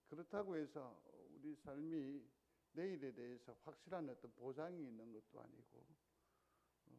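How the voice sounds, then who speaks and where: A man's voice: medium pitch, dark tone. A male pastor preaching a Sunday sermon in a conversational way, often asking the congregation questions. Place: church sanctuary.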